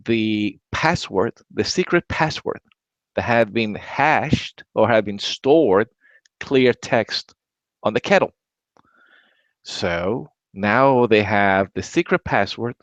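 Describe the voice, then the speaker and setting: Casual tech-podcast host, Latin American man, rambling and low-pitched, dull lo-fi sound. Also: no echo. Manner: rambling, repeats words, many "right?" tags. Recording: dry, dull lo-fi audio.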